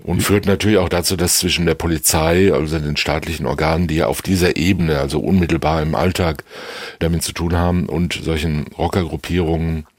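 A man's voice: rumbling low, fairly even intonation, brisk, no room sound, studio quality. An older man, a retired judge, explaining a legal case in long, carefully qualified sentences in a podcast conversation. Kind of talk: measured legal analysis in conversation.

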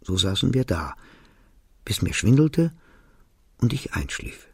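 A man reading a novel aloud as narrator, telling the story in a calm, measured way. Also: fairly low pitch, creaky, husky, no room sound, studio quality. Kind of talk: audiobook reading.

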